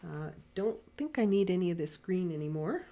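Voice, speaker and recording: A woman teaching watercolor painting in a live lesson, speaking quietly and thinking aloud as she paints, on a desk mic. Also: on the low side, expressive, moderate pace. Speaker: watercolor art instructor. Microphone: desk mic near camera.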